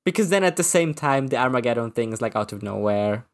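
A podcast co-host with a mid-range voice reviews a movie in relaxed chat with another co-host, speaking in loose, halting sentences. He keeps stopping and restarting his thoughts, filling the gaps with "uh" and "like."

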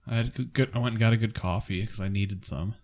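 A man's voice: fairly low pitch, fairly even intonation, fast, darkish tone. A tired young man, a new father of twins, chatting casually on a podcast and rambling with lots of fillers. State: exhausted, yawning. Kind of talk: casual chat.

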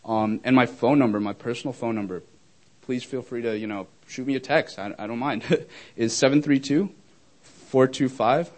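A young man presenting his product to a live group of users and answering their questions. He talks casually and warmly, with plenty of fillers, and laughs easily. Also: medium pitch, moderate pace. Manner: friendly, chatty, laughs easily, many fillers. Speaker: startup founder presenting to users.

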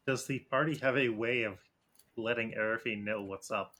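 A man narrating as game master of a tabletop game, speaking in a relaxed way with frequent fillers. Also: mid-range voice, moderate pace.

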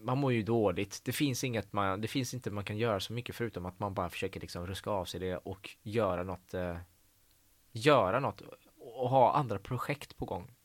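A young man, an actor guest, telling stories in a casual interview, animated and swearing casually. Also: fairly low pitch, no echo. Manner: animated, acts out quoted dialogue, swears casually.

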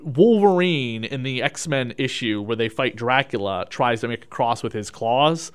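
Smooth-voiced man in casual chat. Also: medium pitch, measured pace. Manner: animated, retells scenes and reads plot summaries. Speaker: podcast co-host. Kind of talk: casual movie discussion.

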